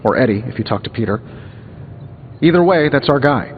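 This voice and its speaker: A man's voice: medium pitch, lively intonation, brisk, narrow, tinny audio, a little hiss or hum, lightly acted. A man playing a cocky, sarcastic armored superhero inventor in a video game, full of wisecracks. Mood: confident, wry. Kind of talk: video game character dialogue.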